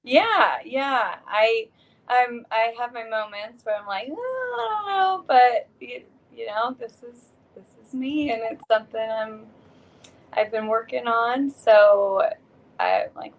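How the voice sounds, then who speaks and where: A young woman guest chatting casually on a podcast, giggling often and pausing with hesitant fillers. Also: fairly high pitch, rough recording. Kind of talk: casual chat.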